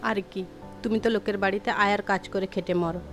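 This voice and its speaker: A woman's voice: mid-range voice, fairly even intonation, fast, faint music behind, lightly acted. A woman playing a blunt, sympathetic neighbour in a short film drama. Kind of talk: melodramatic short film acting.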